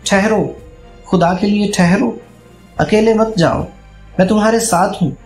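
A man's voice: a little high, lively intonation, measured pace, a little mellow. A man voicing an anxious, devoted young sister who pleads urgently, in an echoey room with faint music. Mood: pleading.

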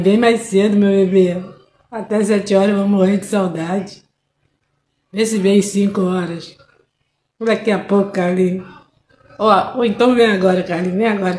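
Comic lovesick woman, voiced by a woman, slightly low, syrupy and doting, over faint room noise. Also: warm tone, reverberant, lightly acted. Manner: syrupy, cooing, drawn-out endearments. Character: lovesick adult woman sweet-talking several lovers. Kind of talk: comic voice-message sketch.

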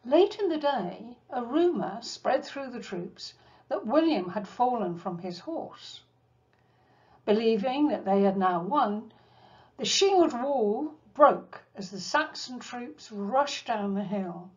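Woman, history lecture, slow deliberate delivery, muffled lo-fi sound. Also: on the high side, animated. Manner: measured storytelling with asides to the audience. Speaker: cruise ship enrichment lecturer. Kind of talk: history lecture over slides.

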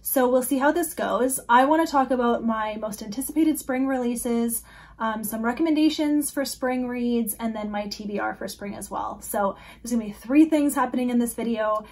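Chatty woman losing her voice. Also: on the high side. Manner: chatty and giggly, drops to near whispers. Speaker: book vlogger. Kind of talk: casual chat to camera.

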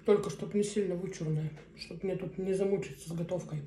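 A woman in her thirties chats casually to viewers as a mukbang vlogger, talking in short, unhurried phrases with pauses as she eats. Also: on the low side, steady tone, warm tone. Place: small indoor room at a table. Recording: roomy echo, faint noise, cutlery clinks. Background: cutlery and dishes.

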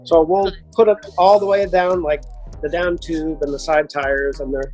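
A man, a bike race mechanic, chatting in a relaxed, joking way about his tools. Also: on the high side, moderate pace, soft background music. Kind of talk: casual chat.

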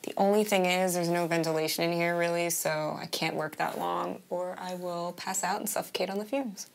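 A woman's voice: lowish voice, fairly even intonation, moderate pace, vocal fry, slight background noise. An actress playing a young woman back home for the summer who speaks in a casual, dry way. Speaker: film character. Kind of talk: naturalistic indie film acting.

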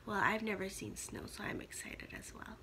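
A young Filipino-accented mother vlogging casually at home on a handheld phone, giddy and excitable and often slipping into a hushed whisper. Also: mid-range voice, normal speed.

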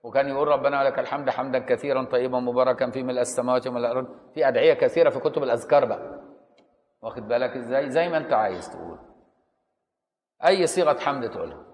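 A man's voice: mid-range voice, rapid-fire, darkish tone, in a large hall. A man with an Egyptian accent teaching Islamic jurisprudence in a conversational lecture, often stopping to ask the students if they follow. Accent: Egyptian Arabic.

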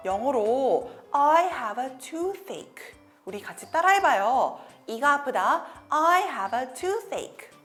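A woman teaching English to children in a playful lesson, acting out being sick and saying English phrases slowly for kids to repeat. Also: sits high, fairly bright tone. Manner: slow, carefully enunciated English phrases for repeating.

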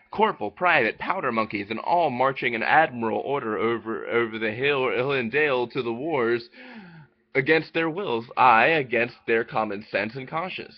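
A young vlogger in his twenties, with a mid-range voice on dull audio, reads aloud under a speech jammer. Sitting indoors in a small room by a window, he stumbles, repeats words, and restarts mid-word.

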